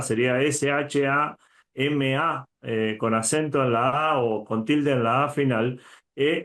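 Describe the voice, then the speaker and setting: An earnest man teaches from scripture in a conversational way, checking in with his listener as he goes. His voice sits in the middle range. The room around him rings with a noticeable echo. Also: medium pitch. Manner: earnest, frequent "¿verdad?" tags.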